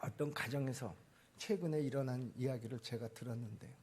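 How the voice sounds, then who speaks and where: A man preaching a sermon to a church congregation, swinging between loud emphatic lines and quiet asides. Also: mid-range voice, fairly quick, breathy edge. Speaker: pastor. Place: church sanctuary.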